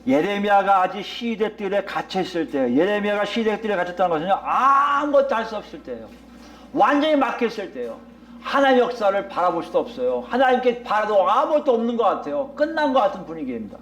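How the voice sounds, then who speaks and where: A male pastor preaching a sermon, asking the congregation rhetorical questions and swinging between raised, emphatic lines and quiet, low asides. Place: church sanctuary.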